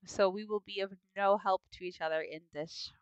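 A woman's voice: medium pitch, fairly even intonation, normal speed, clear, resonant tone, no room sound, lo-fi sound. A young woman with a sniffly nose giving chatty, playful commentary on a video game at home, now and then breaking into bits of song. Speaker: gaming video host. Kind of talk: casual gameplay commentary.

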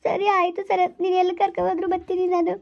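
A woman's voice: extremely high pitch, completely flat delivery, quick pace, vocal fry. A woman playing an anxious teenage girl who has run away with her lover, pleading and fretful. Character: teenage girl Navya, tearful, anxious runaway. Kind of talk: village skit acting. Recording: dull lo-fi recording.

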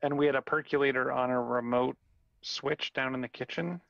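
A man in his forties co-hosting a podcast from a home office over a video call, chatting in a relaxed, meandering way. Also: mid-range voice, fairly quick, gravelly, no echo. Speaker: podcast co-host. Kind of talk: casual chat. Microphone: remote video call. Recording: dull lo-fi call audio.

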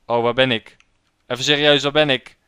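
A man's voice: mid-range voice, steady tone, normal speed, bright, forceful tone, smooth, dry recording. A young man giving jokey, self-mocking commentary while playing a video game. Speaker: gaming YouTuber. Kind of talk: casual let's-play commentary.

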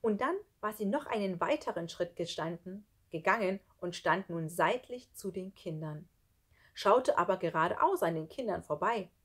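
Husky woman reading a children's story. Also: on the low side, normal speed. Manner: suspenseful, expressive storytelling. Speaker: audiobook narrator.

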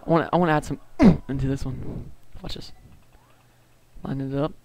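A teenage boy boasting and trash-talking while playing a video game, shouting sound effects. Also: medium pitch, fairly even intonation, normal speed.

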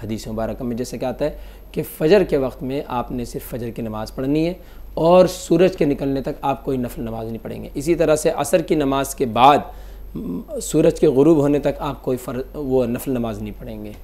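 Male mufti, dark mellow voice, patient step-by-step explainer. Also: medium pitch, moderate pace. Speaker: mufti answering callers. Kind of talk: religious call-in explanation.

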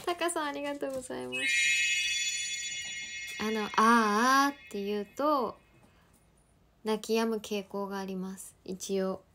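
Young woman, high pitched and unhurried; casual livestream chat at home, reading out comments and hushing her dogs. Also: lively intonation, a little hiss or hum. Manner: chatty, reads out viewer comments and coos softly at her dogs. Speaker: livestream host. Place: her family's home, indoors.

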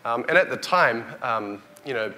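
A man's voice: mid-range voice, animated, normal speed, pushed and bright, poor audio. A man in his thirties with a New Zealand accent, giving a conference keynote as a company chief. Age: 30s. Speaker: company CEO, conference speaker. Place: hotel conference hall, on stage before an audience. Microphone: lapel or headset mic.

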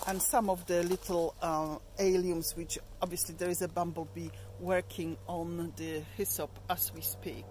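A middle-aged woman with a fairly low voice talks her way around her allotment plot outdoors, recorded on a handheld camera or phone. Her talk is chatty and wandering, full of ums and restarts, with faint outdoor ambience behind her. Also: darkish tone, a little hiss or hum. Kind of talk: casual garden tour vlog.

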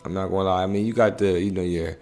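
In a small indoor room, a desktop condenser mic picks up a Bridgeport, Connecticut man in his thirties who coaches basketball and works at a youth facility. His low, slightly mellow voice stays fairly even as he talks fast through casual podcast anecdotes, repeatedly saying "you know what I'm saying."

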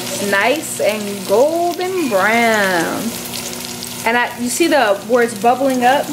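A woman's voice: fairly high pitch, expressive, slow pace, background noise. A young woman in her twenties chatting through a cooking vlog in her home kitchen, explaining each step to a handheld camera. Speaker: vlogger. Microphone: handheld camera close up.

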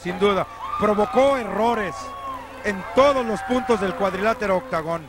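High-pitched excitable Mexican wrestling commentator, a man. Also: normal speed, a crowd in the background. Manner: exclamatory, emphatic, repeats phrases for effect. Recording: noisy 1990s TV arena broadcast.

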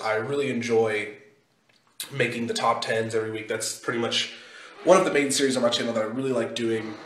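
A man's voice: medium pitch, slight background noise. Young man vlogging in an echoey room. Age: young adult. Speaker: video blogger. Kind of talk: casual vlog talk to camera. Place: small echoey indoor walkway in a house being moved into. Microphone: phone at arm's length. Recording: echoey bare room, phone recording.

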